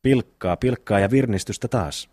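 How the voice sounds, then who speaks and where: A man's voice: fairly low pitch, a little mellow, no echo, close to an everyday voice. Casting: male reader voicing a sanctimonious pious farm brother, preachy, dry close sound. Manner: preachy, sighing.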